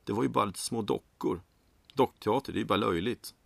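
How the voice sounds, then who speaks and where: A man's voice: lowish voice, vocal fry, no room sound. A man voicing a weary, aging male former action-film star who talks in a bored, tired way. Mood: weary, sulky.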